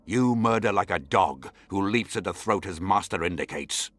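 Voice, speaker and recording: A man with a deep, fairly bright voice and lively intonation plays a haughty fantasy-game baron vying for a throne, speaking at a moderate pace. His diction is formal and imperious and his mood cold and contemptuous, delivered as dramatic game acting.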